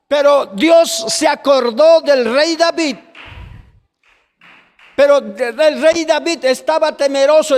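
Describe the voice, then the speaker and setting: A man preaching a fiery sermon, drawing out his phrases and breaking into shouts. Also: extremely high pitch. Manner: preaching with slow drawn-out phrases and sudden shouts. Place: church hall. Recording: long reverb of a church hall.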